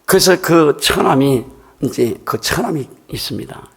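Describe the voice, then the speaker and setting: Gravelly, husky older male pastor preaching. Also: fairly high pitch, expressive, unhurried. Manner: storytelling preacher, conversational and emphatic. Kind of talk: sermon. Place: church.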